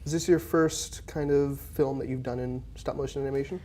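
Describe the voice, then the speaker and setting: A woman's voice: a bass voice, fairly even intonation, brisk, warm tone, a little hiss or hum. A teenage girl asking brief, friendly interview questions. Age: teens. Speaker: student interviewer. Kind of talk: casual interview.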